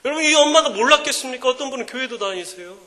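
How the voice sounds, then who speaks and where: A man in his thirties giving a joking, animated sermon-style talk at a mothers' prayer meeting. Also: very high voice, very fast. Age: 30s. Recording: echoing hall reverb.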